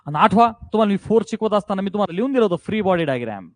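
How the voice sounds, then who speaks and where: Male physics teacher, high voice, energetic and coaxing with his class, dry sound. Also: rapid-fire, dry recording. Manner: energetic, coaxing, keeps checking students understand. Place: classroom with students.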